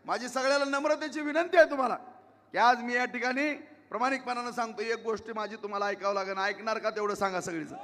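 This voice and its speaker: Man running for office, shouting pleas into a pa, super high sharp voice. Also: steady tone, fast, in a large hall, a little hiss or hum. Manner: emphatic, repetitive, pleading with the crowd. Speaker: election candidate. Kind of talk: campaign rally speech. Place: outdoor public rally.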